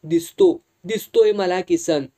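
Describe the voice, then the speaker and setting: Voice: mid-range voice, slow pace, dark tone, natural voice. A reader voicing a frightened old village patriarch who speaks rural dialect. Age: older. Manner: rural dialect, fearful, confessional. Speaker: village elder.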